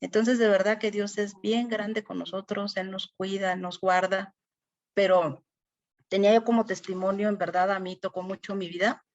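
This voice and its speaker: A woman's voice: medium pitch, flat delivery, normal speed. Middle-aged woman, earnest emotional testimony, lots of fillers, dull lo-fi audio. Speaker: class participant sharing testimony. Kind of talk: personal testimony in a Bible study class.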